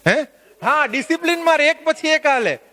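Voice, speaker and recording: A man leading a workshop, lecturing a live audience in an animated, joking way and putting questions to the listeners. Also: very high voice, normal speed. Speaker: workshop trainer. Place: workshop at a religious venue.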